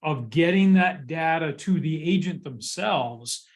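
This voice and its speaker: A man's voice: fairly high pitch, lively intonation, takes it slowly. A man co-hosting a webinar, passing the question to a guest with loose, hesitant phrasing. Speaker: webinar co-host. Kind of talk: moderating a webinar.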